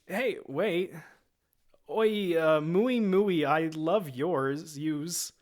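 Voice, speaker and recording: A man voicing a clumsy, goofy male amphibian alien who talks in drawn-out broken pidgin, in an amateur screenplay reading. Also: fairly high pitch, pitched above the performer's own voice. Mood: goofy pleading.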